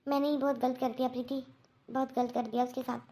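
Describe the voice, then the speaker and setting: Woman doing an older cartoon mother-in-law, high voice, stern yet softening. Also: little pitch movement, fast. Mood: remorseful. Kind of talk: Hindi cartoon dubbing.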